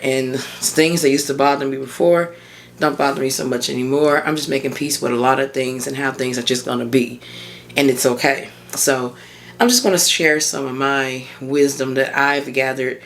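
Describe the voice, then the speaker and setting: Speaking in a very deep, hoarse voice, a thirty-something woman coaches mindset on her own laid-back podcast, talking to listeners informally and warmly encouraging them.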